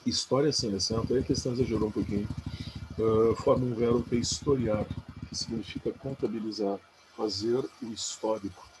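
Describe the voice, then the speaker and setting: A man's voice: on the low side, steady tone, a little fast, background noise. A man teaching a recorded exam-prep lesson, casually talking through each answer and checking in with his students. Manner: casual, talks through answers aloud with frequent "né?" and "beleza?".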